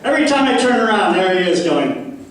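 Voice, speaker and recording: An older man doing a stand-up comedy set on a club stage, telling stories in a deadpan way with dark punchlines. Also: high voice, brisk, a little hiss or hum. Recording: echoey club audio from far off. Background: audience laughter.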